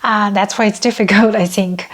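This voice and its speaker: A woman's voice: medium pitch, fairly even intonation, normal speed. A middle-aged woman from China with a Chinese accent, chatting casually about relationships in simple, non-native English, often checking in with "right?". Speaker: co-host. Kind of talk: casual advice chat.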